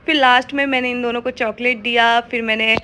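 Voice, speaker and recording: A woman's voice: a little high, fairly even intonation, brisk, bright, forceful tone, slight background noise. A woman narrating a pet vlog in a casual, gushing and affectionate way, laughing often. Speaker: pet vlogger.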